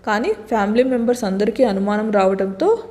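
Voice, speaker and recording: A woman storyteller narrating a serialized love story in a lively, expressive way. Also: medium pitch, fairly quick, in a large hall.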